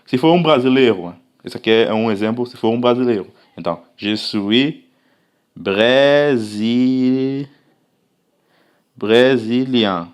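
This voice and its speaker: A man's voice: medium pitch, smooth. A man from Africa giving a casual language lesson, patiently repeating and drawing out example phrases and often checking that listeners are following. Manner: patient, repetitive, checks understanding with "tá vendo?"; slowly drawn-out example phrases. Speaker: language teacher.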